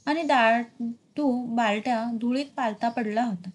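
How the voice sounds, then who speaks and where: A woman teacher reading a novel aloud with expressive emphasis for her students. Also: a little high, measured pace. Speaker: literature teacher.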